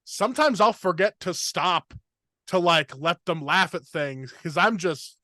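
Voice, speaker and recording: A man's voice: high voice, lively intonation, sharp tone, no room sound, studio quality. A young man hosting a comedy podcast, talking in a rambling, filler-heavy rush of casual chat. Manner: rambling, filler-heavy, fast torrent of words.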